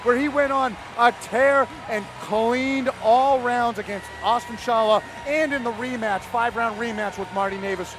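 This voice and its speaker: A man giving live MMA commentary from cageside in an excitable, emphatic way. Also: very high voice. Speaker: fight commentator. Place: cageside at a live fight event. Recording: noisy live venue ambience.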